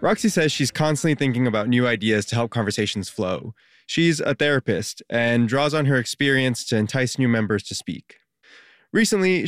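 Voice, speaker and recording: A man reporting a public radio news feature in a lively, conversational way, quizzing the listener. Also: medium pitch, no echo, studio quality.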